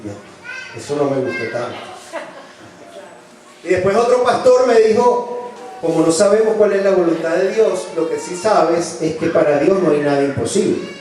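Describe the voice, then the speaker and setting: High-voiced preacher in an echoing church. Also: male voice, lively intonation, normal speed, long pauses, darkish tone, far from the mic. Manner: earnest storytelling, shifts voice for quoted speech. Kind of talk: sermon. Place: church hall. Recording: very echoey church from afar, faint noise.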